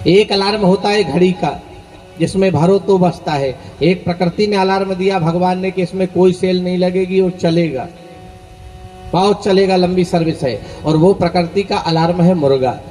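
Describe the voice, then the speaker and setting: A man's voice: high voice, normal speed, warm tone, in a large hall, slight background noise. A male preacher telling folksy stories to his listeners in a sermon, speaking to them directly and leading call-and-response. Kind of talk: sermon storytelling.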